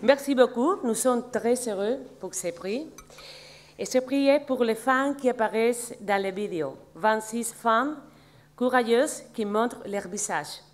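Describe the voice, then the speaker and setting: A native Spanish-speaking woman with a Spanish accent in French, giving an acceptance speech in simple, halting non-native phrases. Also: a little high, expressive. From Spain. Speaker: journalist accepting an award.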